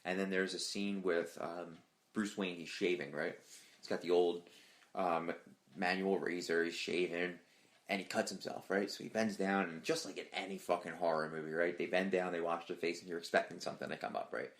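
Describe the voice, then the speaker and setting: A man with a very low, deep voice co-hosting a casual podcast. He talks excitedly, swears freely and acts out little quoted lines as he goes. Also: moderate pace. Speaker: podcast co-host.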